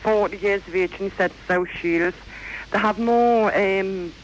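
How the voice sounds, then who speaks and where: A woman's voice: medium pitch, measured pace, lo-fi sound, slight background noise. A woman of about fifty, calling a radio phone-in and telling her story in a rambling, hesitant way full of fillers. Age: around 50. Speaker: radio caller.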